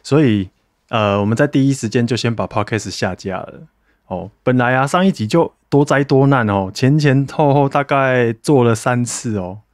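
A man's voice: mid-range voice, normal speed, no echo, clean studio sound. A man from Taiwan hosting a casual solo podcast, chatty and self-mocking as he talks to listeners and thanks donors. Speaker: podcast host.

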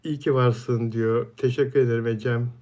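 A man's voice: medium pitch, fairly even intonation, a little fast, dark tone. A man hosting a casual live stream, reading viewer comments aloud and answering each viewer by name in a friendly, chatty way.

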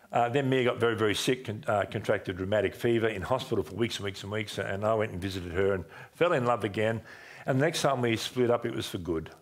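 A man in his sixties, a pastor, seated on a dim church stage with a headset mic, telling a personal story in a conversational sermon and often dropping his voice low for emphasis. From Australia. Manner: conversational, animated gestures, drops low for emphasis.

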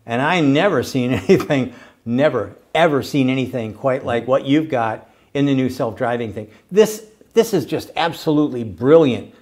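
A man's voice: medium pitch, a little mellow. Older man, rambling and enthusiastic. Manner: rambling, stumbling over repeated words, enthusiastic. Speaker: host. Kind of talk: casual interview chat.

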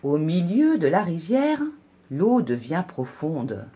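A woman reading a children's story aloud, slow and animated. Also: husky, lo-fi sound. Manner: slow, animated storytelling with wide pitch swings.

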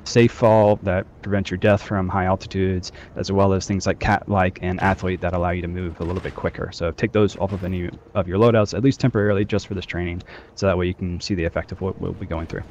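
A man's voice: low voice, level tone, fast, a little mellow, muffled recording, a little hiss or hum. A man leading a game training session over group voice chat, instructing loosely with frequent fillers. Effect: heard over group voice chat. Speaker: squad trainer.

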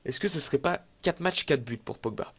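Young guy narrating his football sim playthrough, chatty, gets excited, laughs at himself. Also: fairly high pitch, a little fast, slightly rough. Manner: chatty, excitable, self-mocking, thinks aloud. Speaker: gaming YouTuber. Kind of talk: casual let's-play commentary.

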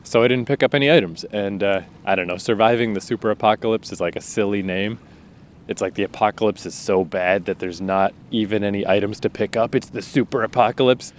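A Canadian man in his thirties with a fairly low voice, talking loosely and informally. He rambles from one thought to the next, swears freely and leans on fillers. It sounds like a relaxed spoken intro to a podcast. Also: fairly quick, a little hiss or hum. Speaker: podcast host and author.

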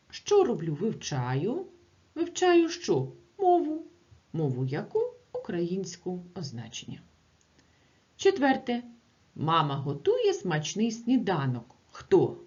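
A woman's voice: medium pitch, darkish tone, highs cut off. A woman teacher explaining grammar by asking short questions and answering them herself.

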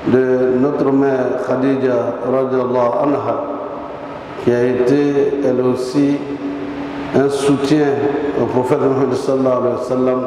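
A middle-aged man with a West African French accent giving a Friday sermon at a mosque pulpit, slow and measured, stretching his phrases and weaving in Arabic formulas. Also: medium pitch, background noise. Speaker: imam. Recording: echoey mosque hall with long reverb.

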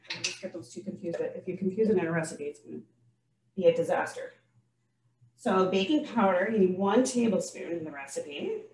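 A woman's voice: lowish voice, background noise. A middle-aged woman chatting casually through a baking demonstration in her home kitchen on a video call. She is friendly, self-deprecating and restarts her sentences often. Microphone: laptop camera across the room, video call. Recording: echoey kitchen, speaker far from mic.

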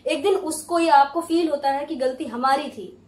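Woman English teacher, high voice, explanatory lesson delivery, a bit off-mic in a reverberant room. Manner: explanatory, models English phrases slowly. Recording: echoey room, voice from some distance.

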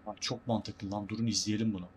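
A man's voice: lowish voice, flat delivery, fast talker, a little mellow, slight background noise. A man giving casual, joking let's-play commentary as a gaming YouTuber, talking to his viewers as guys.

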